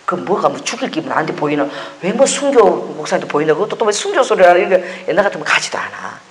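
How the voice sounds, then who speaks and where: A middle-aged woman pastor delivers a sermon as lively storytelling. She laughs often and breaks into exclamations of praise. At times her voice drops low and quiet for earnest reflection. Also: quick pace, a little hiss or hum, low-quality recording.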